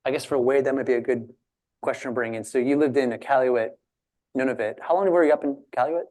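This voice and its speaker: A man from Alberta moderates a panel in a loose, chatty way, stopping to restart his sentences and joke at his own expense. His voice sits at an ordinary middle pitch. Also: quick pace, darkish tone. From Alberta, Canada. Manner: chatty, self-deprecating, many fillers and restarts.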